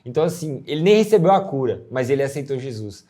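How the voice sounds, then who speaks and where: A man's voice: mid-range voice, very animated, quick pace, dark tone. A man with a Brazilian Portuguese accent telling a story in a casual, slangy chat. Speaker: co-host.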